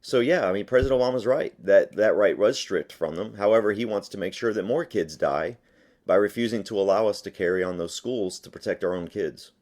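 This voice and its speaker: Over a phone call, a gun rights advocate answers an interviewer argumentatively, emphatic and insistent. His voice is on the low side with a darkish tone, and he speaks briskly.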